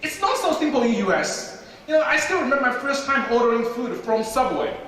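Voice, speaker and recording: A man's voice: extremely high pitch, a little fast, recorded from a distance. A young man from China with a Chinese accent, performing stand-up comedy on a theater stage and acting out the people in his stories. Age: young adult. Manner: animated storytelling, acts out other people. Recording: echoey theater hall from afar.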